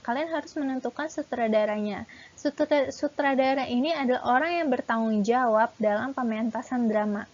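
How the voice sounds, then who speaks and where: High-voiced teacher, dull recording. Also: female voice. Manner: listing points one by one, with fillers. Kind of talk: classroom lesson talk.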